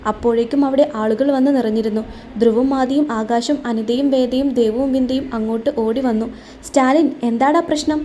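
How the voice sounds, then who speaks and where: A woman reading a romantic story aloud with steady, expressive narration. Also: on the high side, a little fast, a little hiss or hum.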